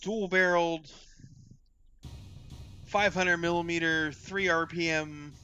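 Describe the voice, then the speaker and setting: Male streamer, slightly high, bright tone, loose rambling stat read-out, faint music underneath. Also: level tone, slow, clean tone, dull audio. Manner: rambling, reads out stats, chuckles often. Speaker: streamer and tournament caster. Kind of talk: casual game commentary.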